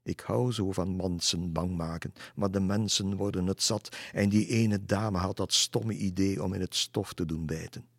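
A man's voice: low voice, fairly even intonation, moderate pace, few pauses, no room sound, clean studio sound. A man voicing a boastful, wolf-faced male evil spirit in a storybook reading, with a growling, blustering manner. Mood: sulky.

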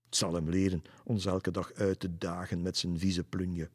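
A man voicing a shrill, teasing village washerwoman in a storybook reading. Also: little pitch movement, normal speed, husky, no echo, clean studio sound. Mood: scolding.

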